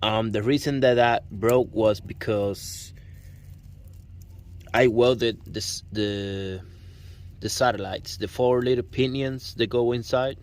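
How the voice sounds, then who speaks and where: Showing off his pickup outdoors, a young Puerto Rican man speaks English with a Puerto Rican Spanish accent, Spanish being his native language. His mid-range voice is darkish with fairly even intonation, and his explanation comes out casual and halting as he searches for words and restarts.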